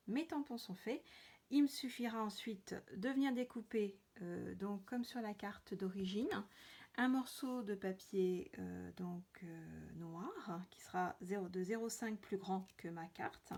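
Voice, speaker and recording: A woman's voice: medium pitch, unhurried, a little mellow. Chatty woman demoing a craft. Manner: chatty, hesitant, many fillers and restarts. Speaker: crafting tutorial host. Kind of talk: casual craft demonstration.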